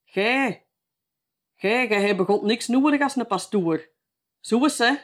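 A storyteller voicing a rowdy, drunk old vagrant in his seventies with a Flemish accent, shouting threats. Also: mid-range voice, a little slow, pitched above the performer's own voice, natural voice. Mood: shouting, threatening. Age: 70s.

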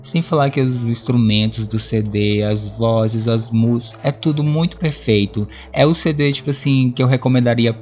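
Brief: male podcast host, relaxed chat about music, lively and a bit crude. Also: mid-range voice, moderate pace, hardly any pauses. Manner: lively storyteller who acts out his own reactions; swears casually. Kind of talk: casual monologue about favorite songs.

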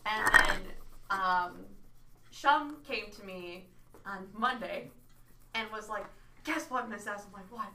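A woman teacher telling a story in a casual chat, getting excited and exclaiming. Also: mid-range voice, slow pace. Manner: animated, builds to excited exclamations. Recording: roomy sound from a distant mic, faint noise.

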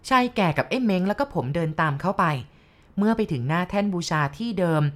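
A woman with a fairly low voice reads a ghost story aloud. Her delivery is measured and unhurried, in the style of scripted narration. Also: lively intonation.

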